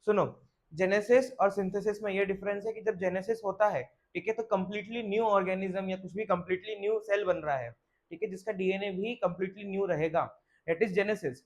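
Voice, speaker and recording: A man's voice: sits high, steady tone, normal speed. A young male biology teacher, giving a step-by-step lecture to students, asking questions and answering them himself. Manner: explains step by step, asks and answers questions aloud, frequent "theek hai". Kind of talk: classroom lecture.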